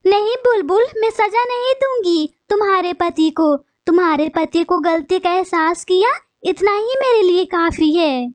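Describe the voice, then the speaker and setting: A woman's voice: extremely high pitch, unhurried, hardly any pauses, no room sound. A woman voicing a tearful, hard-working female sparrow in a cartoon, with a wailing, lamenting manner. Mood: forgiving. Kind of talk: cartoon voice acting.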